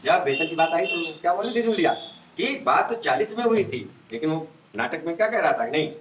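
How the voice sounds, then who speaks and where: A male teacher explaining a story lesson to his class, reading lines aloud and then breaking down the meanings of words. His voice sits fairly high and moves expressively up and down. The recording sounds dull and lo-fi, with a strong room echo. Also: animated, brisk, fairly bright tone. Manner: reads the play aloud and explains word meanings.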